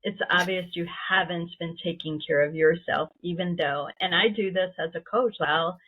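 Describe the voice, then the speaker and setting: A woman's voice: on the low side, normal speed, husky. A woman podcast host and coach, speaking in an affirming, encouraging way in a casual interview. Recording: tinny phone-like line.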